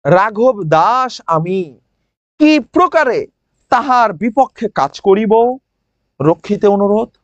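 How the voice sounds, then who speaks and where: A man voicing an older uncle who calmly and firmly refuses a plea, speaking. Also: sits high, takes it slowly, dry recording, lo-fi sound. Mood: calm refusal.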